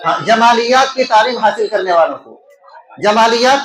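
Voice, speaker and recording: A man's voice: very high voice, crowd noise, rough recording. A man teaching an exam-prep lesson to a classroom of students, checking in with them as he goes through questions. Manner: checks in with the class, often asking "right?"; talks loudly over the room to students.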